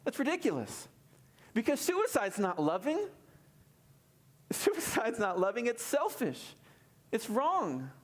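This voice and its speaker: A male pastor preaching a sermon, animated, moving between soft and emphatic delivery and repeating key phrases. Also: very high-pitched, slow pace, pauses often. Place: church service.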